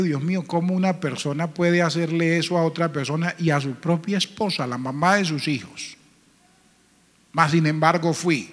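A man preaching a sermon as pastor, telling stories with strong emotion, his voice swelling loud and then dropping to a near murmur. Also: fairly high pitch. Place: church. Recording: church hall with long reverb.

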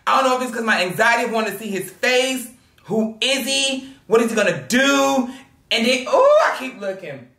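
A young man hosting a movie reaction video, loud and dramatic, swearing and shrieking at the screen. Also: extremely high pitch, animated, normal speed, reverberant, recorded from a distance.

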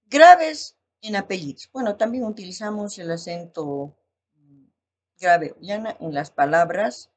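Slow, deliberate woman teaching a lesson. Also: on the low side. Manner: slow, deliberate explanation with fillers and careful word lists. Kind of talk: recorded online language lesson.

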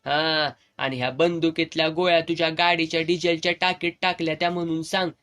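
A man's voice: fairly high pitch, flat delivery, fairly quick, a bit bright, lightly acted. A man voicing a fierce, defiant village woman in a serialized audiobook, speaking rural Satara Marathi dialect in harsh, commanding bursts. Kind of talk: audiobook character voice.

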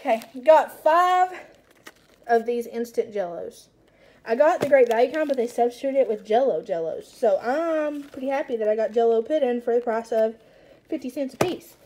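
A young woman chatting excitedly as she unpacks groceries at home, with self-mocking asides and bursts of delight. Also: a little high, normal speed, a little hiss or hum. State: out of breath. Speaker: stay-at-home mom vlogger. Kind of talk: casual grocery haul chat. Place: home kitchen. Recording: rustling bags and clicks behind.

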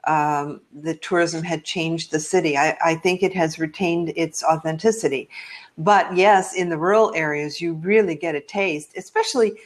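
An older American woman speaks from her living room over a headset on a video call. Her voice sits a little low, and she tells travel stories in a chatty, rambling way, with frequent ums. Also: normal speed. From United States. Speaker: travel blogger guest.

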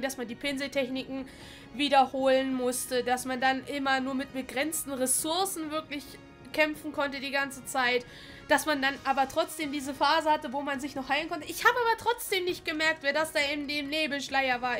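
A woman's voice: high voice, fairly bright tone. A woman giving casual, enthusiastic let's-play commentary while she finishes a game, gushing and chatty. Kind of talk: casual commentary over gameplay.

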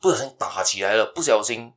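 A man voicing a wise father who tests his son, calm and instructive. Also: fairly low pitch, fast talker. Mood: alarmed. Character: wise, testing middle-aged father.

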